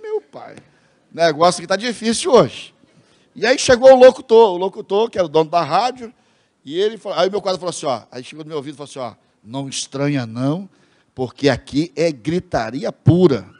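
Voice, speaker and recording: A man's voice: high voice, gravelly. A Brazilian man preaching a sermon as pastor, telling a story and mimicking the people in it. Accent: Brazilian Portuguese. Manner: lively storyteller, mimics voices in quotes, addresses congregation as brothers.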